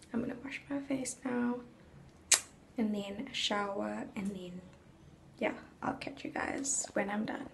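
Croaky-voiced young woman vlogging. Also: a little high, darkish tone, a little hiss or hum. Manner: chatty, slangy, drifts into near-whispers. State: croaky morning voice. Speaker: beauty vlogger. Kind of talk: casual get-ready-with-me vlog.

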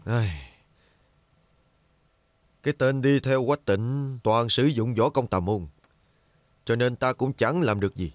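A scheming young lord, voiced by a man in a dubbed martial arts drama. He speaks in a plain mid-pitched voice, recorded close and dry. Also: takes it slowly, pauses often, dry recording, close to an everyday voice.

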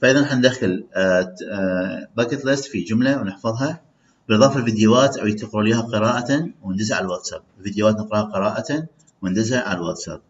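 A man whose first language is Arabic, teaching English by repeating each phrase slowly and translating it for his students. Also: on the low side. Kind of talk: slow drilling language lesson, repeating and translating. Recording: slightly dull, lo-fi recording with faint noise.

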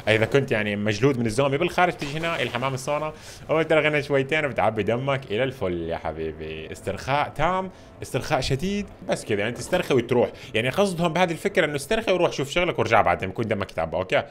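A man giving casual, excitable commentary while playing a video game, talking to his viewers all the time. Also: mid-range voice, rapid-fire, a little hiss or hum. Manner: excitable, chatty, addresses viewers constantly.

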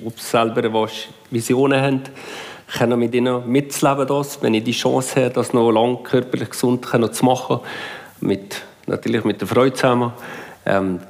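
A man in his sixties, a guest on stage, speaking haltingly and searching for words in a large hall. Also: mid-range voice, darkish tone. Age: 60s. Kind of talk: discussion on stage.

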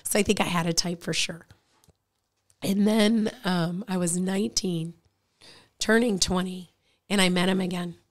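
A woman's voice: fairly low pitch, unhurried, long pauses. Chatty woman telling a story. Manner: chatty, animated storyteller with many fillers. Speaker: guest, insurance agency owner. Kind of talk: casual storytelling interview. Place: radio studio.

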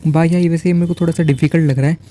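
A young man jokes his way through a casual gameplay commentary, teasing the patients with slangy banter. His voice sits a little high, but the tone is very dark and mellow. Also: steady tone, racing. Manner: joking, teasing game characters in slangy banter.

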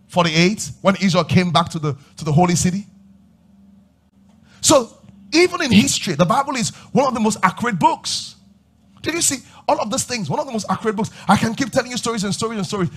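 A man preaching a sermon on a church stage, asking the crowd questions and rising to shouts as he moves about. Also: high voice, breathy edge. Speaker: pastor. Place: large church stage with audience.

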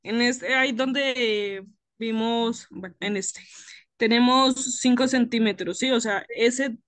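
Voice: mid-range voice, slow pace, fairly bright tone, dry recording. A student asking the teacher a question in an online class, hesitating and searching for words.

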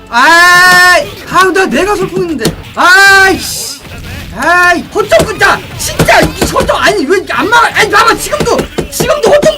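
A man live-streaming gameplay and cooking, yelling, swearing and firing off rapid repeated exclamations. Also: extremely high pitch. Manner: frequent excited yelling and swearing.

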